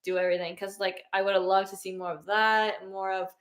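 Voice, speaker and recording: A woman's voice: medium pitch, little pitch movement, fairly quick. A sleepy woman hosting a casual book club chat, talking loosely and trailing off. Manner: chatty, yawning, trailing off.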